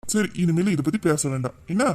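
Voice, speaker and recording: A man's voice: a little high, lively intonation, fairly quick, darkish tone, lightly acted. A man voicing a young man in an audio drama who patiently comforts and reassures his tearful best friend. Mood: soothing. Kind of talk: emotional audio drama acting.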